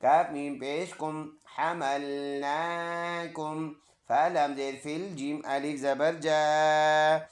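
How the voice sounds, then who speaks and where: A man's voice: a little high, little pitch movement, takes it slowly. A man teaching Quran reading, spelling out each word letter by letter and vowel by vowel before reciting the full verse. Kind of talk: slow spelled-out recitation lesson. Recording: echoey room.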